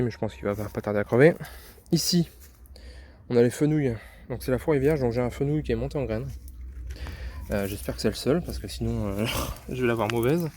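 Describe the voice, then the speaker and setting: A man from France, mid-pitched, talks through a casual tour of his vegetable garden, full of hesitant fillers and self-deprecating asides. He films outdoors on a handheld phone, with a faint hum of outdoor noise behind him. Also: mellow. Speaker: gardening vlogger. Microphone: handheld phone camera. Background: neighbours' party.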